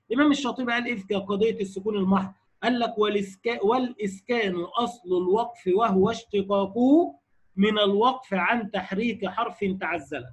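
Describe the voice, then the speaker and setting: A man's voice: high-pitched, a bit bright, husky. A man with an Egyptian accent giving a classroom lecture on Quran recitation rules, quoting texts and asking his students checking questions. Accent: Egyptian Arabic. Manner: explains, quotes texts, then asks students checking questions. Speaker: teacher.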